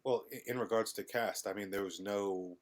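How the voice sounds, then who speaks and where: A middle-aged man from the American Midwest, chatting as a podcast guest in a relaxed way, with frequent ums and hesitations. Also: lowish voice, normal speed. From United States, Midwest. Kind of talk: casual interview conversation.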